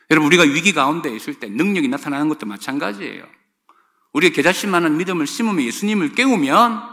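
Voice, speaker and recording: A man's voice: a little high, bright, forceful tone. A middle-aged male pastor preaching a sermon, speaking emphatically and addressing the congregation directly. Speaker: senior pastor.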